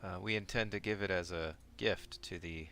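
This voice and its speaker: A man playing in a tabletop game, talking in an unhurried way with hesitations. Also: sits low, steady tone, fairly bright tone, a little hiss or hum. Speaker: player.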